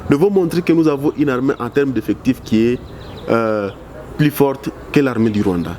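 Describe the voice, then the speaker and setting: With a Congolese French accent, a man from the Democratic Republic of the Congo, a political analyst, responds to interview questions with passion and many repetitive restarts. He speaks at a moderate pace in a mid-range, darkish voice, over a little hiss or hum.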